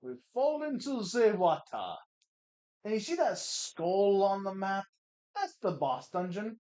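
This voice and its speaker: An excitable gaming streamer who talks slowly between bursts, the pitch swinging widely from mutters to yelps. Swears freely and laughs easily, with quick frustrated outbursts over mistakes and chatty asides to viewers. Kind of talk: let's play commentary.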